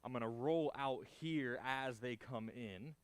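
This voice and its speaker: Low-voiced man teaching a karate class. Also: takes it slowly, clear, resonant tone, dry recording. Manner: short clipped cues and counts between encouraging feedback. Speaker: martial arts instructor. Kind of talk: hands-on karate class instruction, demonstrating moves aloud.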